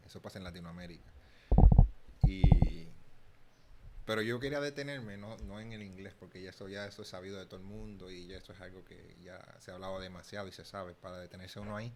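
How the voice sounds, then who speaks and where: Young Puerto Rican host, low-pitched, loose talk with many restarts, faint background noise. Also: male voice. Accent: Puerto Rican Spanish. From Puerto Rico. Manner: thinking aloud, frequent restarts and repeated words. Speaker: channel host. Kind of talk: casual commentary.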